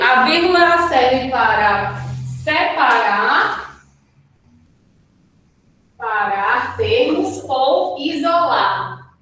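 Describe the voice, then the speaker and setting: A Brazilian Portuguese grammar teacher gives a remote lesson at a whiteboard, speaking slowly in a high, bright, forceful voice with a Brazilian Portuguese accent. She is patient, checking in with "certo?" and "tá?" after each point. The classroom or studio is very echoey, and the mic sits at a distance.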